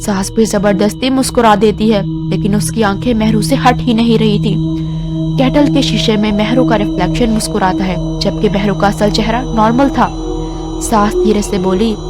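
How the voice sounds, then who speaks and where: Suspenseful woman narrator over music. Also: medium pitch. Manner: measured, suspenseful storytelling. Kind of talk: scripted horror narration.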